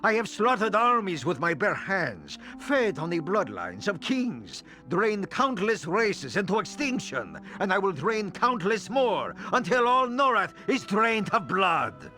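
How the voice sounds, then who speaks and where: An actor playing an ancient, boastful vampire lord in a video game, a weary immortal speaking with grandiose menace. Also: male voice, sits high, very animated, a little slow, few pauses, pushed and bright, faint music behind, heavily acted. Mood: menacing, boastful. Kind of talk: theatrical video game villain acting.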